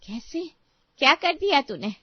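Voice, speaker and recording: A woman's voice: mid-range voice, fairly even intonation, measured pace, dry recording, highs cut off, lightly acted. A woman voicing a blunt middle-aged aunt who scolds her sister. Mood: scolding.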